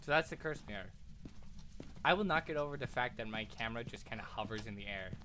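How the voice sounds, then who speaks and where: A streamer chatting casually and excitedly while playing a game with a friend. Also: medium pitch, fast, background noise. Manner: excitable, animated, joking. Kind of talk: casual gameplay chat.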